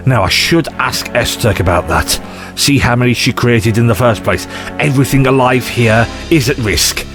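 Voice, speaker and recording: A man acting in an audio drama as an eccentric, excitable time-travelling adventurer, theatrical and given to rambling digressions. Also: mid-range voice, moderate pace, lightly acted. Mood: excited, rambling. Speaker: lead actor in an audio drama. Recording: music under the voice.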